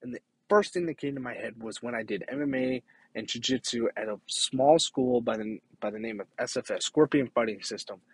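A young man giving a halting, earnest personal testimony, often restarting his sentences. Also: mid-range voice, breathy edge, no room sound.

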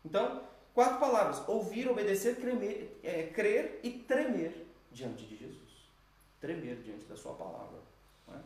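Animated man preaching in an echoey hall. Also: high voice, measured pace, recorded from a distance. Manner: animated storytelling, acts out quoted voices. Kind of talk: sermon.

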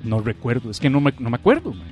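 A young man with a Costa Rican accent, co-hosting a podcast and telling stories in an animated way, sometimes jumping into a child's shrill voice. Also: fast talker, husky, faint music behind. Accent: Costa Rican Spanish. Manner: animated storyteller, acts out childish shouts. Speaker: podcast co-host. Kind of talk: casual comedic chat.

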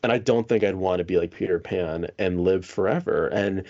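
A man's voice: sits low, a little fast, a little mellow, highs cut off. A man co-hosting a podcast, chatting casually about a movie and thinking aloud with fillers. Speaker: podcast co-host.

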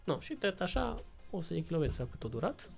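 A man's voice: on the high side, very animated, gravelly, slightly rough, soft background music. Male podcast guest, chatty storyteller who acts out every quote. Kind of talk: casual storytelling.

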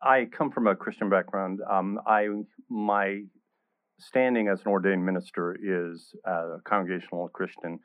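A man who is an ordained minister, speaking in a measured, deliberate way on a panel. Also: sits low, steady tone, no echo, narrow, tinny audio. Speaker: minister and nonprofit director, panel guest. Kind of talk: reflective discussion.

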